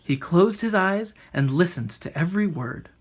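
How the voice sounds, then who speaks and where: Low, husky woman reading a storybook expressively. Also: animated, moderate pace. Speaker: storybook reader. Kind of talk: expressive children's story narration.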